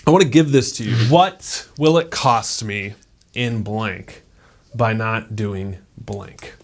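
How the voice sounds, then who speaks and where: A man in his thirties giving a casual, conversational motivational talk as a self-improvement YouTuber, peppering his speech with "like" and "right?". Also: medium pitch.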